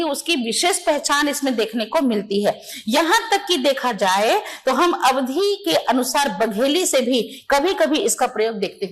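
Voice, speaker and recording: A woman teaching an exam-prep lecture, explaining step by step and checking in with her listeners. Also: high-pitched. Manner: explanatory, keeps asking "है ना?", acts out dialect phrases.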